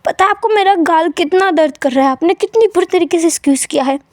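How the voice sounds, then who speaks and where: Whiny dramatic young guy yelping high, woman voicing him, dry close sound. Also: quick pace, a little mellow, no room sound. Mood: whining. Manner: whining, yelping, overdramatic. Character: whiny playful young man, dramatic complainer.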